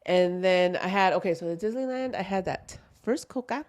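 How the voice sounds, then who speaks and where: An older woman co-hosting a casual podcast, telling stories in a chatty, motherly, animated way. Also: lowish voice, moderate pace. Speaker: podcast co-host. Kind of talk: casual chat.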